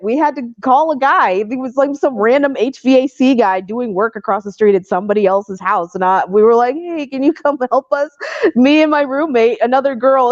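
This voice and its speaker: A woman's voice: on the high side, darkish tone, no echo. A woman on a video call, telling stories in a chatty way and laughing often. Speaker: caller. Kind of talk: casual call-in chat. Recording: dry, dull lo-fi call audio.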